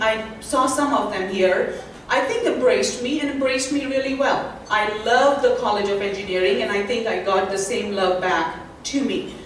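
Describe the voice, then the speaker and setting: A middle-aged woman with an Indian accent and a mid-range voice speaks earnestly as a panelist at a symposium, where she serves as an associate dean addressing the audience. The recording comes from far off in an echoey hall, with a little hiss or hum.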